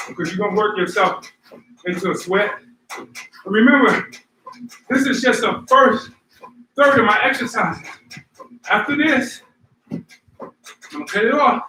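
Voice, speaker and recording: A man's voice: high voice, sharp tone. A man chatting casually and motivationally to viewers while running and power walking during a workout. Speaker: host of a running workout vlog. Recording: roomy, distant mic, faint noise.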